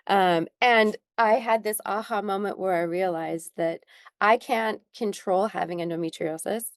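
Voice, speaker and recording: A woman's voice: medium pitch, unhurried, no echo. A young adult woman telling a personal story in an interview, earnest and at times close to tears. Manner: earnest, tearful at moments, many ums. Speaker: skincare founder, interview guest.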